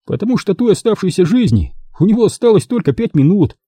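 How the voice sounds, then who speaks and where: A male reader performs a swaggering, sneering detective sidekick in a lively, husky, dark-toned voice pitched well above his own, talking fast. The menacing threats swing up and down with mocking bravado in a heavily acted performance, recorded close and dry like a studio audiobook.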